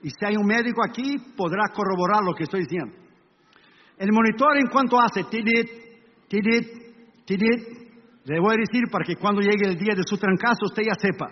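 A male pastor with a high-pitched voice preaches with dramatic emphasis and acts out sounds as he tells the story. His voice echoes through a church hall. The recording is dull and lo-fi, with a faint hiss behind him. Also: a little fast. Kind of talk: sermon.

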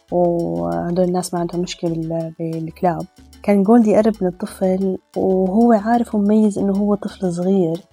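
Low, quick-talking woman with soft music. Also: husky. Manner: reflective, hesitant, with fillers. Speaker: storyteller guest. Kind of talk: personal story, casual.

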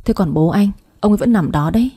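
A cautious young man in a spoken story, scolding in a hushed, irritable way, as a woman narrator voices him. The tone is mellow and slightly breathy. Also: medium pitch, expressive, fast.

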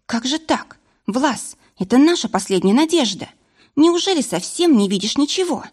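A woman's voice: a little high, sing-song, normal speed, darkish tone, slightly rough, pitched above the performer's own voice. A woman voicing an anxious, impulsive young woman lost in a winter forest, pleading and emotional, in an audiobook.

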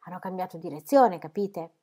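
A woman reading the part of a fussy, rambling older gentleman in an audiobook. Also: fairly low pitch, lively intonation, brisk. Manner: rambling, keeps adding "you know".

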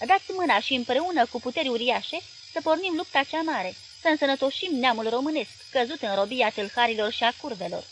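Woman doing grandiose male radio orator, tragic declaiming, fairly high voice, faint hiss. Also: big pitch swings, hardly any pauses, low-quality recording. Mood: rousing.

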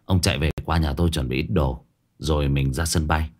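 A man's voice: extremely low pitch, fairly even intonation, a little fast, pitched below the performer's own voice. A man voicing a flustered young exorcist, muttering self-pityingly. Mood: dismayed. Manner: muttering, grumbling.

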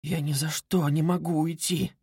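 Man doing a frightened pleading mother, raised pitch, dry close sound. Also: expressive, normal speed, dry recording. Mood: desperate. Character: anxious middle-aged mother, pleading, tearful. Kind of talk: audiobook character reading.

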